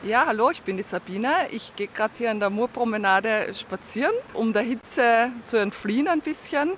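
A woman's voice: a little high, expressive, normal speed, slight background noise. Chatty woman at a riverside interview. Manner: thoughtful, chatty. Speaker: passer-by. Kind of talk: street interview. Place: outdoors on a riverside promenade.

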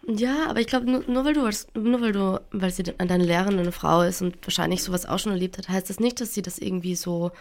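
A woman's voice: medium pitch, fast talker, hardly any pauses, darkish tone. A teenage girl chatting casually, earnest and thoughtful. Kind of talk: casual chat.

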